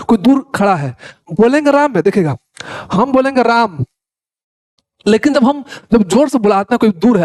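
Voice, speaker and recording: A man's voice: high voice, dry recording, clean studio sound. A man teaching Sanskrit grammar to Ayurveda students in a casual, chatty lecture, repeating his words and often checking in with his listeners. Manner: chatty, keeps asking "है ना" and addressing listeners as "भाई साहब"; repeats words while explaining.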